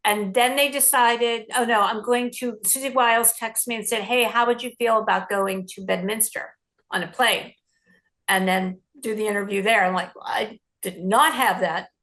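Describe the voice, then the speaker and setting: A middle-aged woman journalist recounting a story in an interview, lively and acting out the lines she quotes. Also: mid-range voice, normal speed.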